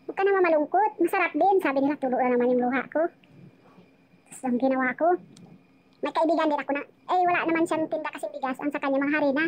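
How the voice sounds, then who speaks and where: A woman's voice: sits high, fast, a little hiss or hum. A woman casually telling her life story on a live chat, rambling and emotional, often restarting her sentences.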